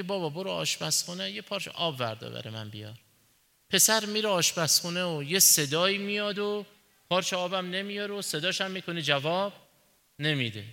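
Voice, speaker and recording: A man's voice: high voice, pushed and bright, long reverb tail. A man preaching a sermon, asking rhetorical questions and answering them himself, and telling everyday stories to make his point. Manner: tells illustrative stories in everyday speech.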